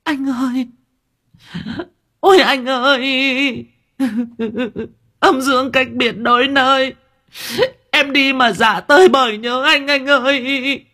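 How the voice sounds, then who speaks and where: A man voicing a theatrical, scheming young female fortune-teller, sobbing in a high falsetto wail. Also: lively intonation, normal speed, close to an everyday voice.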